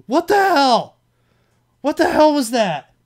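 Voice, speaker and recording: In an extremely high, sing-song voice delivered slowly, a young Midwestern American vlogger reads quiz items aloud during a casual solo commentary. He rambles, swears, keeps correcting himself, and laughs at his own errors.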